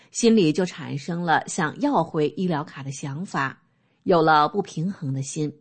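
A woman reading a first-person personal testimony aloud in a calm, steady manner. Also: deep voice, breathy edge. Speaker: narrator.

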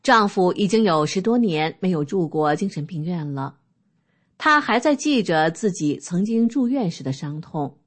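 Woman, low voice, breathy tone, calm steady first-person reading. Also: normal speed. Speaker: narrator. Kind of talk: first-person testimony read aloud.

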